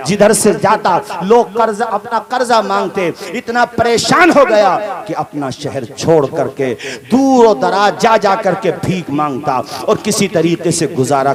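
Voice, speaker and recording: Male preacher, high and highly animated, drops to hushed murmurs then surges to passionate shouts; live gathering with a crowd heard behind. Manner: dramatic swings from soft low murmurs to high impassioned shouts. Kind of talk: emotional sermon. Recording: live event with audience crowd noise. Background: crowd responding.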